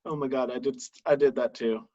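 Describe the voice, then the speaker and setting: A man's voice: mid-range voice, fairly even intonation, brisk, darkish tone. Man in his thirties, podcast co-host, playful banter, slightly dull lo-fi sound. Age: 30s. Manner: playful, laughing asides. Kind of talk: casual chat.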